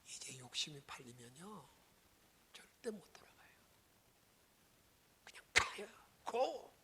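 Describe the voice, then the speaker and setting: A woman's voice: extremely low pitch, expressive, unhurried, pushed and bright. A woman pastor giving a Sunday sermon, telling the story dramatically, acting out the lines and dropping into whispers.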